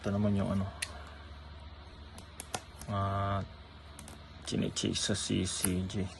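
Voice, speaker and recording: A deep-voiced trading card vlogger speaks slowly and in a monotone during a casual card showcase. He chats with the viewer, checking in often and ending many sentences with "no?". Clear background noise is present.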